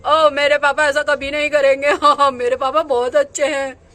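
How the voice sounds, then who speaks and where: A woman's voice: sits high, little pitch movement, normal speed, a bit bright. A woman voicing a cheeky, teasing boy in a doll storybook video.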